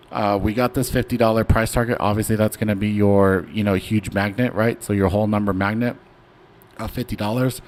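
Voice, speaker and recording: A young man chats loosely through a trading stream in a fairly low voice, filling gaps with ums and slang. Soft background noise sits under his talk. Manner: laid-back, rambling, slangy with many fillers. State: hiccuping. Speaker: stock trading stream host. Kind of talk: casual livestream chart talk.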